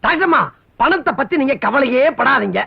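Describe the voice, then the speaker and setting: A man's voice: very high-pitched, animated, moderate pace, gravelly, slightly rough, no echo, heavily acted. An actor playing a wisecracking, sly father-in-law in a comic film with a lo-fi, dry soundtrack.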